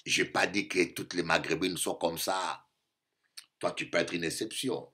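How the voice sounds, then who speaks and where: A man from Africa preaching a sermon as a bishop, animated and repeating phrases for emphasis, often acting out other voices. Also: sits low, unhurried.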